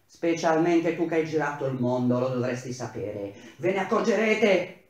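A man voicing an irate, stern male construction engineer who shouts indignantly. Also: medium pitch, lively intonation, moderate pace, natural voice. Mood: furious. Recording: very echoey room.

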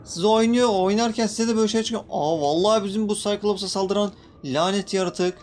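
A young male gaming YouTuber with a high-pitched voice gives casual Let's Play commentary, talking to viewers. He's jumpy and excitable, reacting nervously to creatures and swearing at them playfully. There's a slight hiss or hum in the audio.

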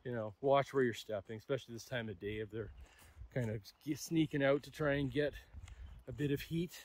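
A young adult man, a wildlife photographer, talking casually while hiking outdoors in open grassland, with a relaxed, halting delivery full of fillers. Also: mid-range voice.

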